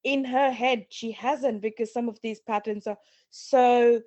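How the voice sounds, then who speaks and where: A woman's voice: on the high side, steady tone, unhurried, mellow, no echo. A middle-aged woman from Sri Lanka, a guest on a podcast interview, speaking in a reflective, earnest way and often restarting phrases. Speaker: guest, parenting coach.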